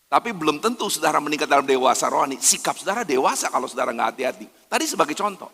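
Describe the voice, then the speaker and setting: A man's voice: on the high side, big pitch swings, very fast, bright, forceful tone, breathy edge. A male pastor, preaching emphatically and constantly calling on his listeners as brothers and sisters. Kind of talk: sermon. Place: church hall. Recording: long church hall reverb.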